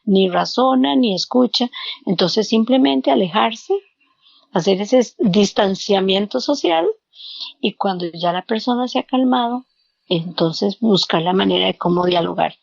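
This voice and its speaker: A woman's voice: medium pitch, expressive, measured pace, vocal fry, no room sound. A woman guest giving counseling advice in an interview, explaining step by step and repeating words as she searches for them. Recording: dull lo-fi, dry sound.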